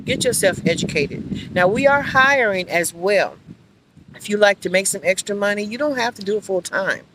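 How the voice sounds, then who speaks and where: A woman's voice: mid-range voice, lively intonation, moderate pace. A woman who works as a life insurance agent, talking to her viewers in an upbeat, chatty vlog while she is out on a walking track. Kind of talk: casual outdoor vlog. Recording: outdoor traffic noise.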